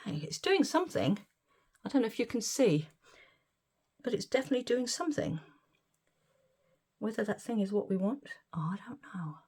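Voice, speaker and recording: She talks at normal speed with long pauses, her voice on the high side, very animated, husky and a little mellow. The middle-aged resin art vlogger is losing her voice as she casually chats through a craft demo, giggly and easily delighted.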